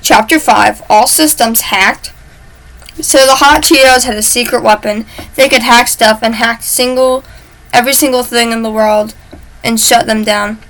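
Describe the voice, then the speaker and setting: High-voiced woman telling a story. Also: fairly even intonation, measured pace, fairly bright tone, poor audio. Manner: chatty, stumbles and restarts mid-word. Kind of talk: casual made-up storytelling.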